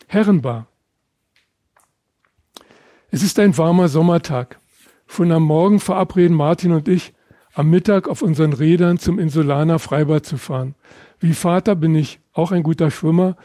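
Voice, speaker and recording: An older man from Berlin reading aloud from his own memoir in a measured, reflective storytelling manner. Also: a little high, warm tone, no room sound, clean studio sound.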